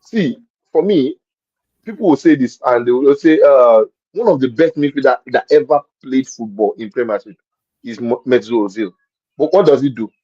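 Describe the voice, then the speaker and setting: A man's voice: medium pitch, normal speed, dark tone, breathy edge, dry recording, muffled recording. A man talking football in a casual match-review chat. He makes his points with force, repeats them, and explains with examples. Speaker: football pundit.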